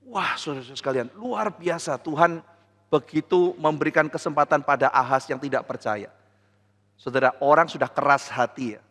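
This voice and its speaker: Bright-voiced pastor preaching in hall. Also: male voice, a little high, a little fast. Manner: dramatizes dialogue, voicing quoted speakers; addresses the congregation often. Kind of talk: sermon. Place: large church hall. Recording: reverberant church hall.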